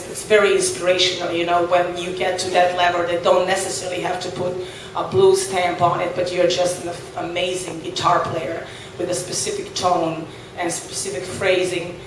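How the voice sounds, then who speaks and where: On a boat, a Serbian-accented blues guitarist answers interview questions in English, his second language, pondering with frequent fillers and restarts. His medium-pitched voice is monotone at normal speed, and the audio is echoey and distant with slight noise.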